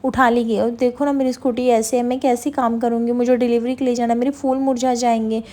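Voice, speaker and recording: A woman's voice: on the high side, flat delivery, fairly quick, warm tone, close to an everyday voice. A woman voicing an anxious young woman who blames herself. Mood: distraught. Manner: worried and apologetic.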